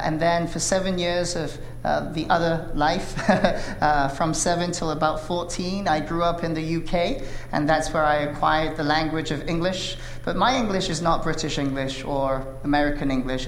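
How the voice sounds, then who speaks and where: In a church sanctuary, a South Korean man in his thirties, a native Korean speaker working as a pastor, begins his sermon with a prayer. He sounds slightly high-pitched and speaks in a sincere, measured way, often saying "uh", while hall reverb and faint room noise hang in the background.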